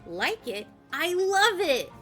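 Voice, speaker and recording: A woman voicing an eager, hungry young fox companion who talks in a slow, drawn-out way. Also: high-pitched, sing-song, a bit bright, soft background music, voice pushed up, heavily acted.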